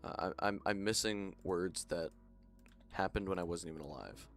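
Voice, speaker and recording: A man's voice: low voice, moderate pace, soft background music. A young man streaming a game and chatting casually, laughing often and rambling between jokes. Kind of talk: casual chat while gaming.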